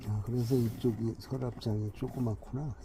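A man's voice: mid-range voice, level tone, normal speed, warm tone, a little hiss or hum. An older man, a customer, asking short plain questions. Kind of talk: casual questions.

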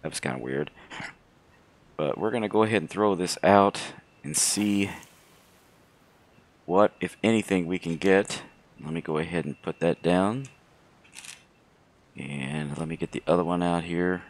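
Low, unhurried, hoarse man. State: hoarse from throat trouble. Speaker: gaming video host. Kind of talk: casual game commentary.

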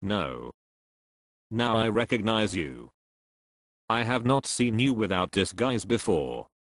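A man with a Swedish first language hosting a homemade birthday skit, earnest and deadpan. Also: fairly low pitch, slow pace, dry recording. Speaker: host of home birthday video. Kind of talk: home video skit.

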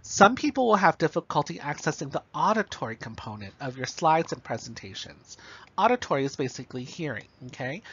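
A man's voice: on the high side, a bit bright, slightly rough, muffled recording. A man giving a recorded lecture, explaining step by step and checking in with the listener. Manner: explanatory, checks in with okay and right.

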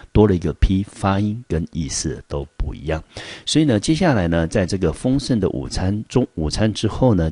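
A male high school English teacher, reading textbook sentences aloud and then patiently explaining them with rhetorical questions. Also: darkish tone, slightly rough, dry recording. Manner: patient, repetitive classroom explaining. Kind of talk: online lesson explaining a textbook.

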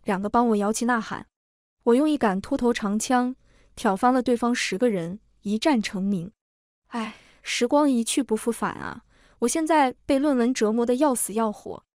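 A woman reads a first-person story aloud in a steady, even way. Her voice is fairly high. The recording is dry and close, with no room sound. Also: no echo.

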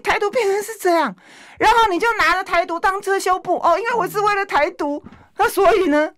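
Indignant high-pitched woman. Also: a bit bright. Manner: indignant, emphatic, fires off rhetorical questions. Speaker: legislator guest. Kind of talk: heated political talk-show commentary.

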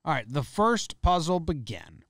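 A man's voice: fairly high pitch, sing-song, measured pace, a bit bright, no room sound, studio quality. A man co-hosting a comedy history podcast, chatting jokily and reading notes aloud. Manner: jokey, self-deprecating, reads notes aloud. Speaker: podcast co-host.

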